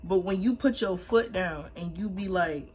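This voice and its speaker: A woman's voice: lowish voice, normal speed. Blunt young woman chatting while eating. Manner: blunt, emphatic, slangy. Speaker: mukbang vlogger. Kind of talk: casual advice chat.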